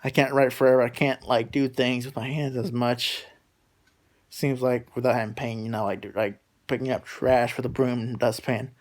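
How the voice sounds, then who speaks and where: Addressing his subscribers, this vlogger, a man in his late twenties, chats in a loose, rambling way, circling back on himself and wandering between ideas. He speaks at a moderate pace in a medium-pitched voice with little pitch movement.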